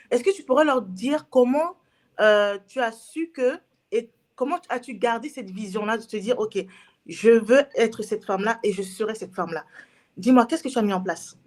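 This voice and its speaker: A woman hosting a casual interview, effusive and often exclaiming in amazement. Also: fairly high pitch. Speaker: host.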